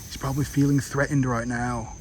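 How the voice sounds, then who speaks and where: A man voicing a hushed wildlife-documentary narrator with a put-on Australian accent, slow and dramatic, outdoors in a park. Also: mid-range voice, level tone, a little hiss or hum, natural voice. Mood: hushed, awed. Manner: soft, slow, dramatic commentary on animals.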